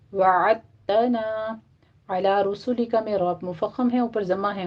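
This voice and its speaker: A woman teaching Quran recitation rules step by step, and reciting verses in a slow, drawn-out chant. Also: medium pitch. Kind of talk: tajweed lesson, explaining rules and reciting verses. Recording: dull, muffled lo-fi audio.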